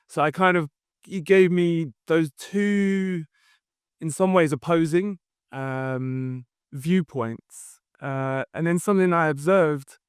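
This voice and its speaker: A man talks through his career in a relaxed, explanatory way, pausing on fillers as he thinks. His voice sits a little high and comes across smooth and resonant. The recording is close and dry. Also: dry recording. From London. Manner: thoughtful, explanatory, with frequent fillers. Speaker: podcast guest, company founder. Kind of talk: conversational interview answers.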